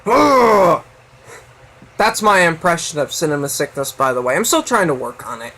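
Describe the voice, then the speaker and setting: A man's voice: a little high, big pitch swings, quick pace, pushed and bright, poor audio. A man hosting a casual video, rambling with many fillers. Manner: rambling, full of "so yeah" and fillers. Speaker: video host. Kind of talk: casual chat.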